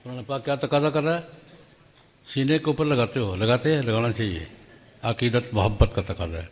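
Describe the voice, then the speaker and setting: An older Pakistani man gives a sermon in a middle-pitched voice. He talks in a homely, storytelling way and keeps asking the crowd questions. His voice rings out with a long reverb through a large hall. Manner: folksy storytelling with rhetorical questions and humor. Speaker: religious scholar. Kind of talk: sermon at graduation ceremony.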